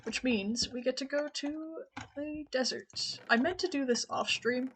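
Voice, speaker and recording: A woman's voice: high-pitched, a little slow, fairly bright tone, a little hiss or hum. A woman streamer talking casually to her chat while playing a game, chatty and rambling, often laughing.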